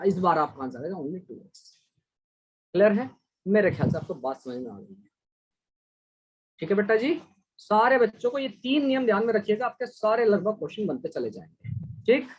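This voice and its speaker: A man's voice: sits high, husky, low-quality recording. A man teaching a math class online, patiently explaining steps and praising students by name as he checks their answers.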